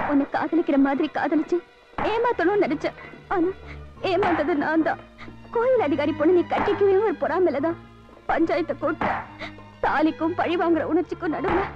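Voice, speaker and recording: An actress playing a repentant young village wife in a Tamil film melodrama, pleading tearfully with a Tamil accent. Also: female voice, very high-pitched. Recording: dull film audio with loud music.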